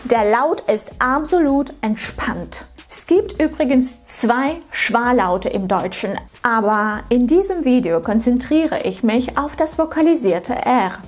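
A woman teaching pronunciation, speaking clearly and deliberately and modeling words for the listener to repeat. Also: a little high, animated. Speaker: German pronunciation coach. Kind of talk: scripted pronunciation lesson. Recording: soft music behind.

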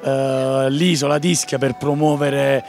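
A man's voice: mid-range voice, level tone, a little slow, vocal fry, darkish tone. A man working as an interviewer at an event, putting polite, wordy questions. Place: outdoor street at night. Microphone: handheld interview microphone. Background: music.

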